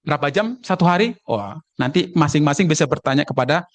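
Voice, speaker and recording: A man preaching to his congregation, telling jokes and acting out voices as he goes. He speaks on the higher side for a man. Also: expressive, a little fast, no room sound. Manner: humorous, acts out voices and dialects. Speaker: pastor. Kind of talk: sermon with jokes.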